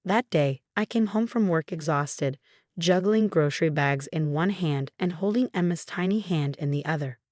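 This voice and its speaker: A woman narrating a first-person story in a steady, even storytelling manner. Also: low voice, normal speed, no room sound, clean studio sound.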